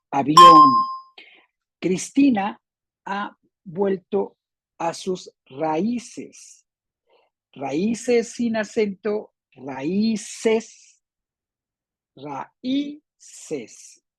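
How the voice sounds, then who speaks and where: A woman teaching a class on spelling rules, speaking slowly and deliberately and repeating words with different stresses. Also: lowish voice, sharp tone, husky, no room sound.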